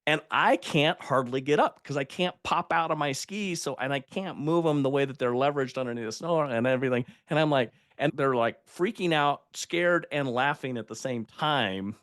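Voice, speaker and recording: A man's voice: mid-range voice, normal speed, hardly any pauses, fairly bright tone, no echo, clean studio sound. An older man speaking as a podcast guest, telling stories in an emphatic way and laughing at himself. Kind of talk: conversational interview.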